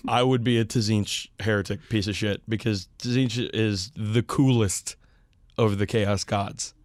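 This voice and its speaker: A male podcast co-host talks casually about tabletop wargaming, enthusiastic and profane. His voice is on the low side, slow, with fairly even intonation, in a dry, close recording.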